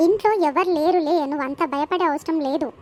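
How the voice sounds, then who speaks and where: A wronged young village woman demands answers in a rapid, insistent voice, acted by a woman. She speaks with a Telangana accent and a very high pitch, in a homemade comedy skit. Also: darkish tone. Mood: upset. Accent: Telangana Telugu.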